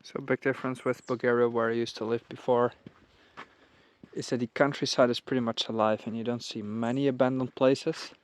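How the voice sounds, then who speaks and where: A young man vlogging while walking outdoors through a small town, musing aloud in a relaxed, casual way. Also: medium pitch, a little fast, clear, resonant tone, no room sound. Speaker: travel vlogger. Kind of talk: casual walking vlog narration.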